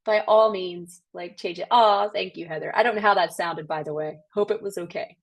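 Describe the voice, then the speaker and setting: A woman's voice: mid-range voice, steady tone, moderate pace. A woman who is a trained soprano, coaching a group over a video call in a chatty, upbeat, encouraging way with casual fillers. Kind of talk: online voice workshop instruction.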